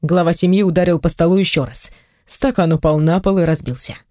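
An audiobook reader narrating a first-person story in an even, storytelling manner. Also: medium pitch, a little fast, no echo, studio quality.

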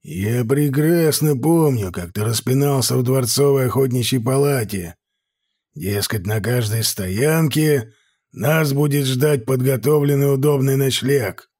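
A man voicing a stern male warrior who gives orders in a slow, menacing drawl. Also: mid-range voice, dark tone, breathy edge. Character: stern male warrior overseer, cold, commanding.

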